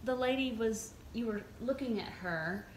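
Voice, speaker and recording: Animated woman telling a story. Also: measured pace, reverberant, a little hiss or hum, low-quality recording. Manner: animated, mimics others in a higher voice. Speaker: storyteller recounting events. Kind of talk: casual storytelling.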